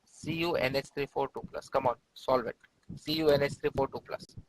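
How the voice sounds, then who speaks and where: A man's voice: mid-range voice, fairly even intonation, fairly quick, no echo, rough recording. A man with an Indian accent teaching an interactive class, encouraging students with short, repeated prompts and praise. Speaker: chemistry teacher.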